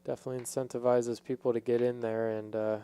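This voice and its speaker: A man's voice: medium pitch, little pitch movement, quick pace, mellow, smooth. A man giving casual live poker commentary in a hesitant, thinking-aloud way.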